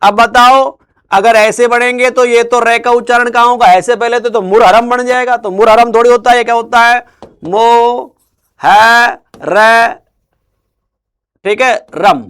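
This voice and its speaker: A man teaching Hindi grammar in a classroom lecture. He asks questions and answers them himself in a lower, quieter voice, and drawls words out slowly to stress them. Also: flat delivery, smooth. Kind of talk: classroom lecture with call-and-response.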